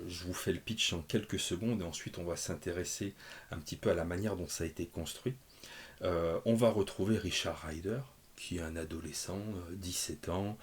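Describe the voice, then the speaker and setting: A man with a notably low, deep voice talks through a comic book collection in a relaxed, chatty review. He hesitates often and fills gaps with pauses, joking at his own expense now and then. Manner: hesitant, many filler pauses; chatty and self-mocking. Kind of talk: casual spoken review.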